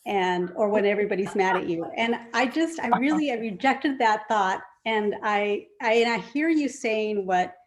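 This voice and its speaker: Woman, new city official, sincere and halting, lots of "um" and "you know". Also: mid-range voice, expressive. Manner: earnest, many fillers and restarts. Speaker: incoming director of community development. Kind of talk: informal remarks at a meeting.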